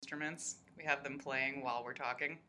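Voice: medium pitch, fairly even intonation, fairly quick, sharp tone, slight background noise. A podcast co-host chatting casually, wry and teasing, often laughing.

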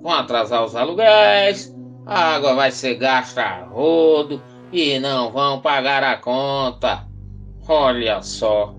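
An actor playing a furious, domineering rural landowner in a radio play, scolding and imperious. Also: male voice, mid-range voice, animated, takes it slowly, a bit bright, dull audio, soft background music. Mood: angry, domineering. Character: furious, domineering rural landowner major, an all-powerful boss.

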